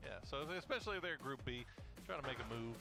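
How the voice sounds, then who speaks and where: Male esports caster, mid-pitched, easygoing play-by-play with music underneath. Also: fast, vocal fry. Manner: relaxed, uses many filler uhs. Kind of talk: live play-by-play commentary.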